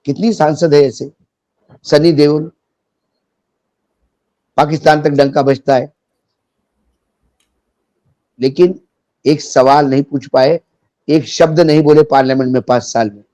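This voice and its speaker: A man's voice: fairly high pitch, steady tone, a little slow, long pauses, dark tone, no echo. A man discussing politics as a guest, biting and sarcastic, mixing in jokes and anecdotes.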